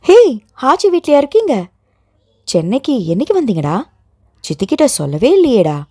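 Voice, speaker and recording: A woman's voice: a little high, expressive, moderate pace, darkish tone, no room sound, studio quality. Woman voicing an emotional young heroine. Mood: playful teasing. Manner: pleading, emotional. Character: young woman, tearful guilt-ridden heroine.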